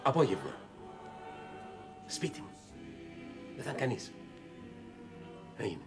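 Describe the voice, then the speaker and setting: An actor playing a flustered, scheming father and radio host in a sitcom, talking in an animated, theatrical way. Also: mid-range voice, music in the background, natural voice. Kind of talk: sitcom acting.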